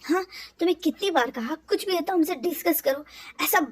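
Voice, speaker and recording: A hot-tempered young man from a fan-fiction story who scolds his friend loudly, as a woman puts him on with a high, bright voice. He sounds exasperated and pushes every line hard. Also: brisk. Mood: scolding. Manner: loud scolding.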